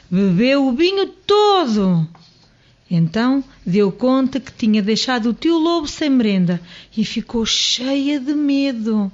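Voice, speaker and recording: A woman reads a children's tale aloud, her fairly high voice swooping up and down for emphasis. The audio is dull and lo-fi, as from a radio broadcast. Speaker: storyteller. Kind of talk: children's story narration.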